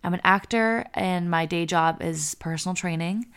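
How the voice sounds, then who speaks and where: Stuffy-nosed woman in her 20s, low gravelly voice, chatty podcast host who swears a lot. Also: moderate pace, a bit bright. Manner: casual, swears freely. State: congested, nasal. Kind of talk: casual podcast chat and story reading.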